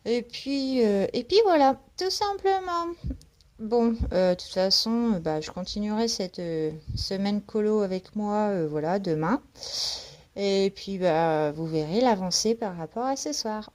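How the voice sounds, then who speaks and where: A woman's voice: mid-range voice, expressive, unhurried, a little mellow. A woman vlogging casually from home about her coloring, just woken up, talking hesitantly with lots of fillers. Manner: hesitant, many fillers, chatty. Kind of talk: casual vlog chat. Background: cat meowing.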